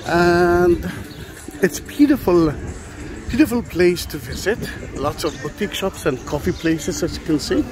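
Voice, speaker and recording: An animated, high-pitched middle-aged Israeli tour guide walks the outdoor plaza of an old train station, recording an unscripted vlog on the phone or camera in his hand. He keeps a measured pace but hesitates a lot, with many fillers and restarts, and there's background noise.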